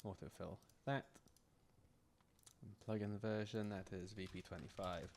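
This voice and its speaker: A slightly hoarse man who is losing his voice, thinking aloud in a halting, self-muttering way as he works through scripts on a live stream. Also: on the low side, steady tone, darkish tone, slight background noise. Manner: halting, restarting, muttering to himself. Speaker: game modder live streaming.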